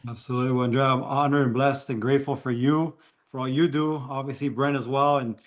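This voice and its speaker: A man with a Cuban-American Miami accent tells his story at a rapid clip on a video call. He talks in a rambling way, full of fillers and restarts. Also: mid-range voice, little pitch movement. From Miami, Florida. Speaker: guest speaker.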